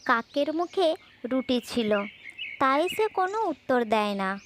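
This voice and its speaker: A woman with a distinctly high, sing-song voice narrates a children's fable at a measured pace in a scripted storytelling style. Faint noise can be heard in the recording.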